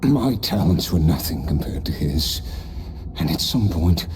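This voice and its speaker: For game voice acting, a man plays an immortal warrior reminiscing, his pitch extremely low but swinging widely at a measured pace. The big-room sound carries slight background noise, and his full character voice stays reflective and wry with soft laughter.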